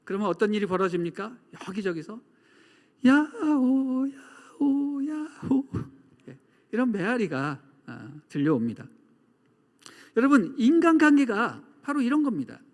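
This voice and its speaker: A man with a high, lively voice gives a sermon in a large church sanctuary. He tells stories and acts out shouting and echoing calls. His voice rings with long church-hall reverb. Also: normal speed. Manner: preaching with acted shouts and echoes. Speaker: pastor.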